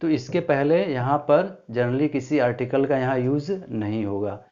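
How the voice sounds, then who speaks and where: A man teaching English grammar for an entrance exam, reading example sentences slowly, asking the class rhetorical questions and checking in often. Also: medium pitch, a little mellow. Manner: asks rhetorical questions of the students; repeats "ठीक है" as a check-in. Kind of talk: exam-prep grammar lesson. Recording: dull lo-fi sound.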